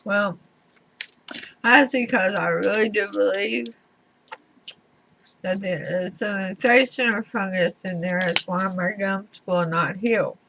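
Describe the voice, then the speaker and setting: A woman giving a tarot reading to viewers in deliberate short phrases, her speech slightly slurred as if from a swollen mouth. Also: medium pitch, vocal fry, a bit bright, slight background noise, poor audio. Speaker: tarot reader.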